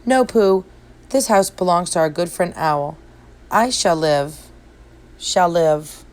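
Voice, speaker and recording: A woman's voice: lowish voice, animated, takes it slowly, darkish tone. A woman voicing a small, timid, kind-hearted male piglet in a storybook, meek and earnest. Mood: meek, noble. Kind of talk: storybook read-aloud.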